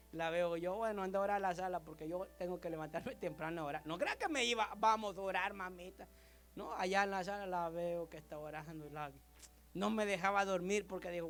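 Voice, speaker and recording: A man's voice: high-pitched, a bit bright. A man preaching a sermon, telling stories animatedly and acting out the quoted dialogue with his wife.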